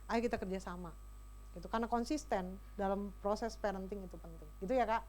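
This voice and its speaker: A woman giving a lively, chatty parenting talk to parents at a school event, speaking directly to the audience. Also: medium pitch, a little fast, a little hiss or hum. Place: school hall.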